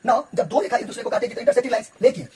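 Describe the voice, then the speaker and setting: Male math tutor, high voice, rapid board explanation, faint room noise. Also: very animated. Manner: quick, repetitive, checks in with the listener often. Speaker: math teacher.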